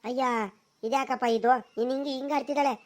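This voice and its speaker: A woman's voice: high-pitched, fairly even intonation, fast, darkish tone, lightly acted. Woman voicing a coaxing cartoon village lad. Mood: explaining. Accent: Karnataka rural Kannada. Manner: coaxing, soothing. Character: young village man Rangu, sly and soothing. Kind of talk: cartoon voice acting.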